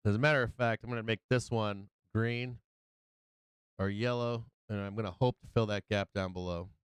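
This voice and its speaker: Man, live stock show host, casual trading commentary, blunt, sweary, jokey, crisp smooth voice, dry close sound. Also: lowish voice, steady tone, normal speed, no room sound. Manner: blunt, profane, slangy; jokey, chuckles often at own remarks.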